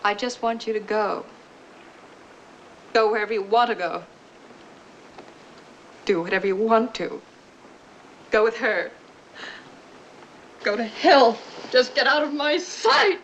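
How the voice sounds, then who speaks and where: An actress playing a wounded, desperate suburban wife in a 1960s film drama, speaking in a halting, broken-up way. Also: female voice, medium pitch, fairly even intonation, lo-fi sound, a little hiss or hum, natural voice. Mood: cold, hurt.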